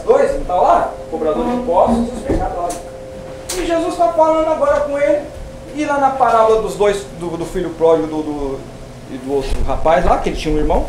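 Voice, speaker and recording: Man, Bible teacher, animated storytelling, lively pitch, roomy echo. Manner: animated storytelling, acts out dialogue with shifting voice. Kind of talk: informal theology class lecture. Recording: echoey room, voice from a distance, faint noise.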